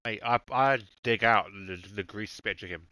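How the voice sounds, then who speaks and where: A man's voice: fairly low pitch, brisk, bright, forceful tone, no room sound, poor audio. A man streaming a racing game, chatting casually and swearing freely while he eats. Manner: laid-back, swears freely, talks to his dog and chat.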